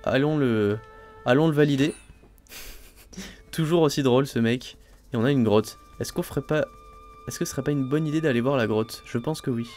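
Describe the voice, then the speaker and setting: A man casually commenting on his gameplay as a let's play host, thinking aloud, full of fillers and excited exclamations over each new find. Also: medium pitch, moderate pace, pauses often, faint music behind. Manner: chatty, thinks aloud, frequent "hein" and "euh" fillers.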